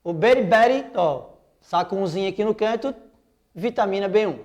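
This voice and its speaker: A man's voice: high voice, lively intonation, normal speed, darkish tone. A young man with a Brazilian accent teaching an online exam-prep biology lesson in a casual, slangy, joking way. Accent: Brazilian Portuguese.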